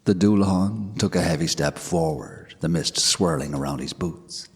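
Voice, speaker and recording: A man narrating a scripted ghost story in a measured, hushed way. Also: low voice, slightly rough. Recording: long hall reverb.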